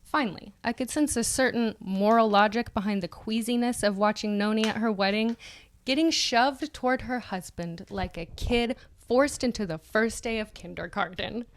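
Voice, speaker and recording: Speaking at a moderate pace in a slightly high voice, this woman co-hosts a podcast and gives an article a mocking, theatrical reading. She drops casual asides along the way and tends to laugh as she reads.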